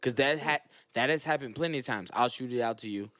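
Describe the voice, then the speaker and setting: A man's voice: mid-range voice, quick pace, a bit bright, no echo. A man chatting casually as a podcast guest, boasting and then mocking himself, with profane slang. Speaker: podcast guest, friend of host. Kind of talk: casual chat.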